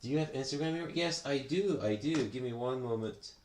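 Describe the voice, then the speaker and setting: A man chats casually on a live stream while working on a hobby project, moving between Japanese and English and politely greeting viewers by name. His voice is medium-pitched with a darkish tone, a little slow, and there's slight background noise. He uses many fillers and laughs often.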